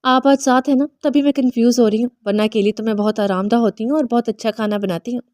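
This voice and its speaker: A woman's voice: fairly high pitch, fairly even intonation, a little mellow, dry recording, lightly acted. A woman reading the lines of a careless young daughter-in-law making excuses. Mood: chirpy.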